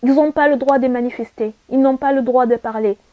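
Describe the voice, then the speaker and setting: A young woman from Saudi Arabia gives an earnest personal testimony in a high, soft-toned voice. She presses her points with repetition and rhetorical questions. The sound is dry and a little dull, like a lo-fi recording. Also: fairly even intonation, fairly quick, no room sound. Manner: earnest and emphatic, repeats herself, asks rhetorical questions. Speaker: vlogger giving testimony.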